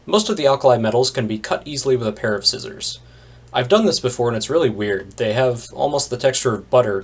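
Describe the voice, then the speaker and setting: A man giving a recorded chemistry lecture over slides, explaining plainly and adding wry asides. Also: mid-range voice. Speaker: chemistry instructor.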